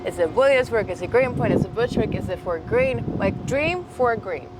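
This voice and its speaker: A woman's voice: medium pitch, expressive, normal speed. Young woman chatting on a noisy rooftop. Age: young adult. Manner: chatty, trails into restarts and fillers. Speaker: interview guest. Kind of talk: casual conversation. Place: Brooklyn rooftop outdoors. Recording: outdoor city noise behind.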